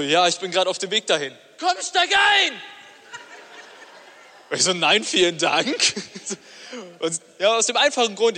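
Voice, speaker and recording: A man doing stand-up, chatty and quick to laugh at his own story, jumping into the voices of the people in it. His tone is bright and forceful, with a long reverb trailing off each line. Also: a little high, slight background noise. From Cologne. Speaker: stand-up comedian. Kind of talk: stand-up comedy.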